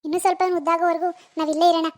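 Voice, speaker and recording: A woman voicing a fussy, chatty young mother in a cartoon, who coos softly to her baby. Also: extremely high pitch, flat delivery, rapid-fire. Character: young adult woman, new adoptive mother, doting. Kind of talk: animated cartoon voice acting.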